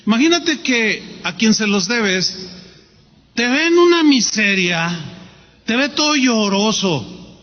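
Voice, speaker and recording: Animated high-voiced male preacher. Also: slow, big-room sound, lo-fi sound. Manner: animated, acts out the parable's voices. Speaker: pastor. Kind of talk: sermon.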